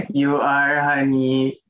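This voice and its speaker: A man performing an improvised comedy scene on stage in conversational dialogue. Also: medium pitch. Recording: muffled, slightly noisy stage recording.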